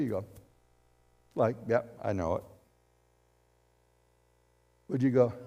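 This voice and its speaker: A man preaching a sermon as pastor, animated and acting out quotes as he speaks. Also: fairly high pitch, long reverb tail. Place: church sanctuary.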